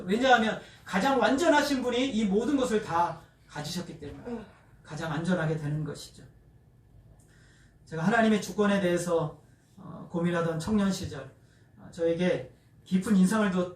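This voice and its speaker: A male pastor telling a story in a sermon, animated and asking the congregation questions as he goes. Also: high voice. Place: church sanctuary. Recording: echoey church, distant mic.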